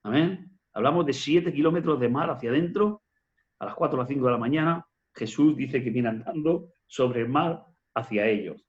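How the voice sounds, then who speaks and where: A man's voice: medium pitch, normal speed. A man preaching a sermon as pastor, reading scripture and repeating amen and aleluya between phrases. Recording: dull lo-fi sound.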